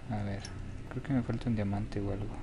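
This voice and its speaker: Gamer, young Mexican man, flat-toned nervous horror commentary, noisy home recording. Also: on the low side, a little fast. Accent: Mexican Spanish. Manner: jittery, begging, talks to himself. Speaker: gaming YouTuber.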